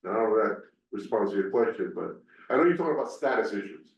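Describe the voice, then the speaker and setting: A man's voice: fairly low pitch, lively intonation, fairly quick, creaky. Older man speaking in a roomy hall. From New York. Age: 60s. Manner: reflective, hesitant, with many fillers. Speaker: panelist, teacher. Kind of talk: panel discussion. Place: panel event in a hall. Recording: roomy, distant and dull.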